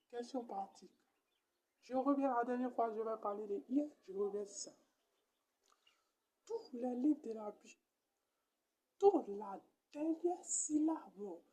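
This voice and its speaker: A woman with an Ivorian French accent, a comedian giving a mock Bible lesson and repeating each point slowly like a teacher. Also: fairly high pitch, mellow, a little hiss or hum.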